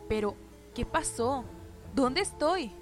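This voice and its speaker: Woman voicing a frightened, curious little girl spirit for a storybook; high, questioning, music bed. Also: expressive, measured pace. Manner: startled, questioning, high-pitched.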